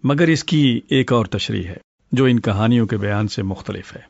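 A man playing an older uncle who calmly explains stories in a scripted dialogue drama. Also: lowish voice, vocal fry, no echo. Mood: calm explaining. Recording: muffled lo-fi dry studio audio.

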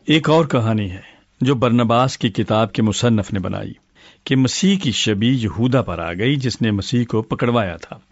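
A man playing an older uncle who calmly explains stories in a scripted dialogue drama. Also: medium pitch, no echo. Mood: calm explaining. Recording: muffled lo-fi dry studio audio.

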